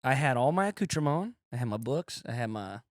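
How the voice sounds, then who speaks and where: A man's voice: medium pitch, sing-song, fast, no room sound, studio quality. A man from Appalachia, a stand-up comedian hosting a podcast, telling crude rambling stories with a laugh in his voice. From Appalachia, USA. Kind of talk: casual comedy podcast chat.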